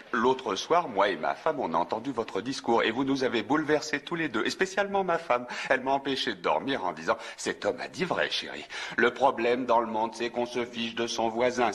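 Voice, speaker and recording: A man's voice: medium pitch, a bit bright, breathy edge. An actor dubbing a talkative, nervous small-town soda fountain clerk who stumbles and restarts as he tells a story in a classic film. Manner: rambling, eager, stumbling restarts. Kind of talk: dubbed film acting.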